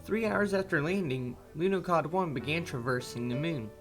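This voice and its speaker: A man presenting a scripted history segment on a school show in a steady reading voice. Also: on the high side, normal speed, over music.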